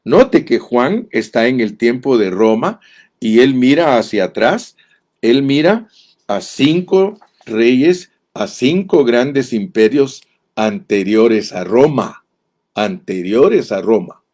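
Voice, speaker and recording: A man's voice: mid-range voice, lively intonation, darkish tone. A man teaching from the Bible as a pastor, reading verses aloud with emphasis and addressing his listeners directly. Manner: slow, deliberate, reads verses aloud emphatically.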